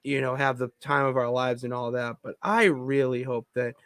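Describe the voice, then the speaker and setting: A man co-hosting a podcast from his home basement, talking in an excitable, rambling way with many restarts. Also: mid-range voice, moderate pace, clean tone, dry recording, studio quality. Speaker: podcast co-host. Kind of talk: casual chat.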